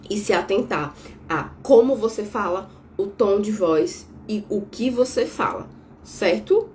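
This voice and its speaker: A woman therapist from Brazil giving a live talk from home, speaking a bit louder on purpose and checking in with listeners. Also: medium pitch, slight background noise. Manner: speaking a little louder on purpose, didactic, tag questions. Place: at home, window shut, air conditioning on.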